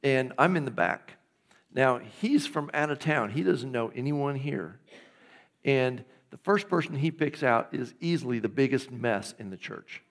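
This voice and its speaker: A man's voice: medium pitch, animated, measured pace. A middle-aged man, a pastor preaching a conversational sermon in a church and checking in with the congregation. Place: church sanctuary.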